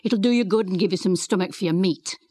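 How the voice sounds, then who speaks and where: A woman's voice: medium pitch, fast talker, warm tone, dry recording, natural voice. A woman voicing a blunt, practical young housemaid in rustic dialect. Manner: plain-spoken, dialect speech.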